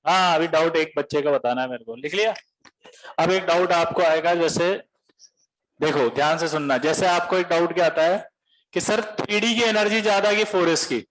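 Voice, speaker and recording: A man's voice: a little high, normal speed, fairly bright tone, no echo, rough recording. A man teaching a coaching class, teasing his students in a chatty lecture.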